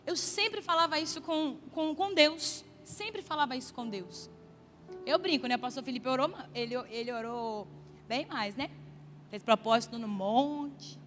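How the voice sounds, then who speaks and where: Brazilian woman preacher, high bright voice, chatty storytelling, long church reverb, soft music behind. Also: a little slow. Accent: Brazilian Portuguese. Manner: conversational storytelling with playful asides to the congregation. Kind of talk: sermon. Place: church sanctuary.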